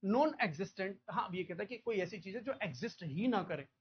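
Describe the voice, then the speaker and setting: A man from India teaching a vocabulary lecture, repeating key words and checking understanding with quick questions. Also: high-pitched, lively intonation, muffled recording, slight background noise.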